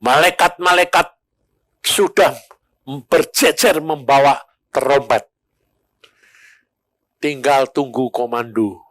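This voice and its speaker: Older man, evangelist preacher, slow unhurried delivery, animated storytelling. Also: medium pitch, no echo. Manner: animated storytelling, acting out quoted voices. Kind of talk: sermon with storytelling.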